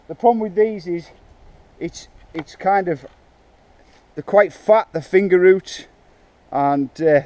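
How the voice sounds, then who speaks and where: Chatty outdoor vlogger, a man with a slightly high voice, talks to camera while working, hesitant and offhand. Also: dark tone. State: out of breath. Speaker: bike park builder. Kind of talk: casual vlog narration. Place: outdoors in woods.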